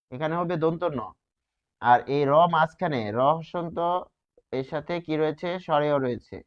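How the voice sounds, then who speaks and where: A man teaching a grammar lesson, posing rhetorical questions and answering them, stretching key words slowly. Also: a little high. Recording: dull lo-fi sound.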